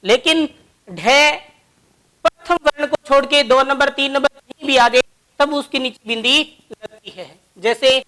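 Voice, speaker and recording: A woman teaching grammar in a high, bright voice. She moves slowly, explaining each example word by word. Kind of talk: classroom grammar lesson.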